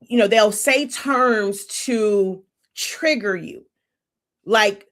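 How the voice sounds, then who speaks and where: A woman's voice: medium pitch, drawn-out words, fairly bright tone. A woman mentor teaching live in a blunt, lecturing way, often stopping to search for a word. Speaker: business mentor on a livestream. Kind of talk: unscripted live teaching monologue.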